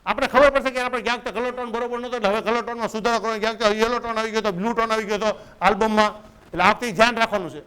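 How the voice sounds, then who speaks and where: A man's voice: high-pitched, fairly even intonation, very fast, pushed and bright, smooth, low-quality recording. A man, giving a business coach's lecture and often asking his listeners "right?". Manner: conversational, keeps asking "right?" to check in.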